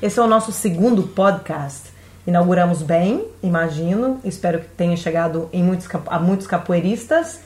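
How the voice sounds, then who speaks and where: A woman's voice: lowish voice, moderate pace, a little mellow, echoey room. Chatty Brazilian woman podcast host. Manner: chatty, thinks aloud with restarts. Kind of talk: casual podcast chat.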